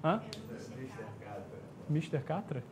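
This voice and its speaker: A man's voice: fairly high pitch, expressive, drawn-out words, noisy background. A man teaching a live exam-prep class, chatty and jokey, often checking in with his students.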